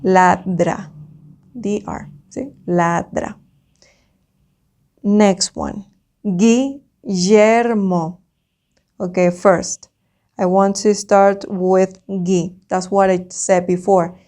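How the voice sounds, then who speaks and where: With a warm, mid-range voice that barely moves in pitch, a Spanish-accented woman gives a slow lesson much like a dictation. Spanish is her native language, and she repeats words and sounds on purpose so the learner can follow.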